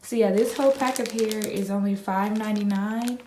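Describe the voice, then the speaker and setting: A young woman vlogger, talking viewers through a hair tutorial in a relaxed, chatty way, a little groggy from just waking up. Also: mid-range voice, moderate pace, slight background noise. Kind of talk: casual how-to tutorial. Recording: echoey room with faint ambience.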